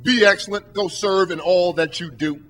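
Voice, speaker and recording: Emphatic high-voiced male motivational speaker. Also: moderate pace, a bit bright. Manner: emphatic, rhetorical questions, preacher-like. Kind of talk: motivational speech. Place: stage at a podium.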